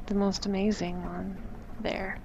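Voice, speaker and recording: A woman narrates her own travel footage in a relaxed, joking way, poking fun at herself as she goes. Her pitch stays fairly flat and even. A clear layer of background noise runs under the voice. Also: unhurried, muffled recording. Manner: chatty, self-mocking. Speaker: vlogger. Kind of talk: casual voice-over narration.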